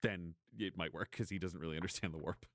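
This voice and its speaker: A man narrating as game master of a tabletop role-playing game, setting scenes slowly and chatting casually with players. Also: low voice, steady tone, fairly bright tone, dry recording, studio quality. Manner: slow, deliberate scene narration with casual asides.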